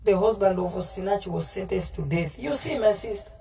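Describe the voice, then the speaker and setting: Her voice mid-range, warm, and creaky, a woman preaches fairly quickly on a livestream, scolding listeners, repeating herself, and mixing in Pidgin as she answers live comments in a fiery, informal sermon. She's far from the microphone, and there's a little hiss or hum.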